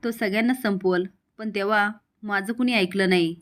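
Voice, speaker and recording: A woman's voice: medium pitch, fairly even intonation, normal speed, close to an everyday voice. A woman voicing a fearful old village grandmother who pleads and warns urgently. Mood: urgent pleading.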